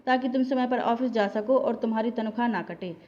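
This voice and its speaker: A blunt, exasperated young husband in a family story, as a woman narrator plays him. The voice stays in her own slightly high register and comes through a dull, lo-fi recording. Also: a little fast, darkish tone, natural voice.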